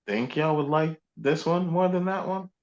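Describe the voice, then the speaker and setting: A man's voice: on the high side, moderate pace, highs cut off. A young man co-hosting a casual podcast, blunt and opinionated. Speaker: podcast co-host. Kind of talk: casual chat.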